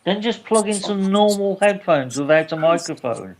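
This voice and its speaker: A man's voice: high voice, lively intonation, normal speed, rough recording. A man with a British accent chatting casually, with a blunt, insistent way of talking. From Britain. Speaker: guest on a live open-topic stream. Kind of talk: casual chat.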